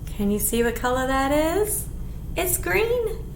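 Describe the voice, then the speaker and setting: A middle-aged woman leads a children's storytime, reading a picture book aloud with animated expression and asking young listeners simple questions. Her voice sits high and her pace is slow. The small indoor room echoes, and there's background hiss.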